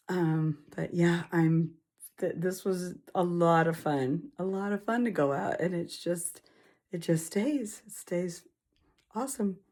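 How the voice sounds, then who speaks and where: A woman chatting in a casual vlog, bubbly and excitable, sometimes dropping into hushed asides. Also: medium pitch. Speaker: vlogger.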